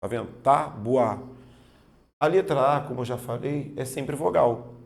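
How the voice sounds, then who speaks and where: Gravelly-voiced male grammar teacher. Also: medium pitch, measured pace. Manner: patient, explanatory, keeps checking understanding with "tá vendo?" and "certo?"; leans on stressed spoken examples. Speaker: Portuguese teacher. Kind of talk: exam-prep grammar lesson.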